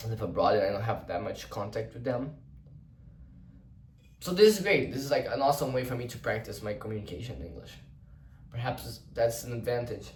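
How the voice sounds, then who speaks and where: A young vlogger who grew up speaking Portuguese rambles aloud in English in a personal, unscripted way, starting over frequently and using casual swearing. His voice is mid-range and slightly mellow. He sits far from the mic in a roomy-sounding space with slight background noise.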